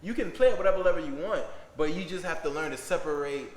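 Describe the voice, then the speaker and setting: A young man co-hosting a casual sports podcast, excitable and quick to laugh, often trailing off into fillers. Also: on the high side. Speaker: podcast co-host.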